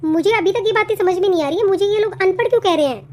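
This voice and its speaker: Cartoon bride, young and earnest, very high voice, a woman voicing her; indignant. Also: very fast, darkish tone. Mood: upset. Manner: pleading, indignant. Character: young daughter-in-law, educated and earnest. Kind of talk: cartoon voice acting.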